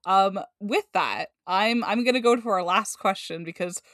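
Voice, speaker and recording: A woman's voice: medium pitch, moderate pace, fairly bright tone, dry recording. Woman hosting a podcast, dry sound. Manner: conversational, emphatic, playful asides. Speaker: podcast host. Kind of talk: casual podcast chat.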